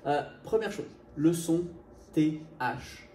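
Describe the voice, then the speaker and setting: A man teaching in a lively video lesson, rushing through points and speaking straight to his viewer. His voice is mellow and dark, and it rings in an echoey room with a faint hum of ambience behind it. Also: a little high. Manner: lively, fast, direct to viewer. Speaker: English teacher.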